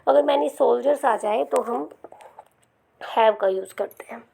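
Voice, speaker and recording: Gravelly-voiced woman teaching grammar. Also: a little high, slow pace, warm tone. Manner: explains patiently with many repeated "ठीक है" checks. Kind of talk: Hindi-language grammar lesson with slides.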